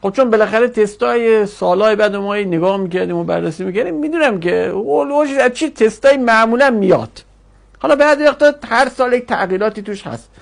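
High-pitched gravelly male teacher. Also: expressive. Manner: explanatory, repeats forms slowly for students. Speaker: Arabic grammar teacher. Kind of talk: classroom lecture.

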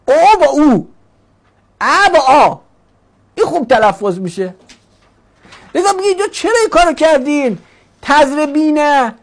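A woman's voice: mid-range voice, vocal fry, slightly rough. A woman teaching a grammar lesson, putting questions to the class, answering them herself, and giving grammar forms their own voices. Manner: acts out grammar forms as talking characters.

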